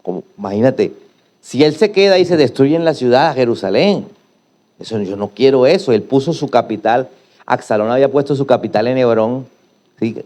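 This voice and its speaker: A man's voice: mid-range voice, animated, moderate pace, darkish tone. Middle-aged guy preaching, leans hard on phrases, gets the church to repeat after him. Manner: emphatic preaching with call-and-response prompts. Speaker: pastor. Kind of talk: sermon.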